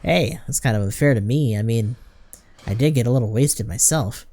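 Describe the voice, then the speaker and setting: A man's voice: medium pitch, moderate pace, dark tone, close to an everyday voice. A man reading game dialogue aloud, voicing a mild, reasonable grown man.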